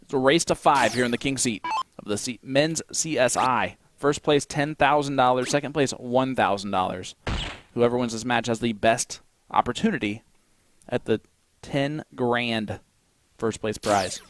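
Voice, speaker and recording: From the commentary desk at a darts tournament, a man with an Indiana accent calls the match play by play, joking with and teasing his co-commentator. His voice is medium in pitch and his pace is moderate. A little hiss or hum sits in the background.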